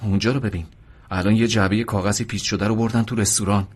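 A man voicing a young guard who speaks quietly and tensely. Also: on the low side, fairly even intonation, slightly rough. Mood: hushed. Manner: hushed, tense. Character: hushed young male revolutionary guard.

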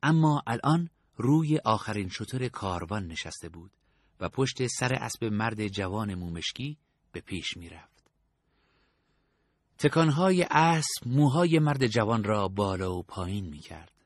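Man narrating a storybook with steady delivery. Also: fairly low pitch, dry recording, studio quality. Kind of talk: audiobook narration.

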